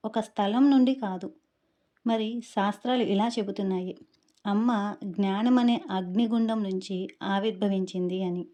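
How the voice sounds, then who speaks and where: Woman, devotional teacher, mid-pitched, slows down for careful syllable-by-syllable pronunciation. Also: dark tone. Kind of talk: devotional explanation of scripture.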